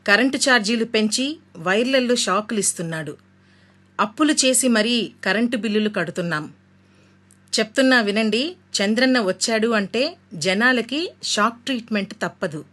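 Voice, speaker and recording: A woman's voice: on the high side, a little fast, fairly bright tone, close to an everyday voice. A woman playing a struggling, bitter housewife declaiming her complaints in a satirical street play. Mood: bitter, sarcastic.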